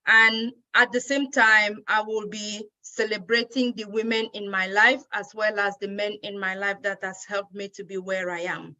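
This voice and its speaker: A woman's voice: mid-range voice, steady tone, moderate pace, hardly any pauses, pushed and bright, poor audio. A woman from Cameroon giving an earnest, grateful personal speech at a women's day event.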